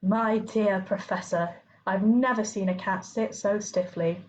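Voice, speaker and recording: A woman voicing a calm, gently amused old male wizard headmaster, in a storybook reading. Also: mid-range voice, measured pace, dull audio, slight background noise, lightly acted. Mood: teasing.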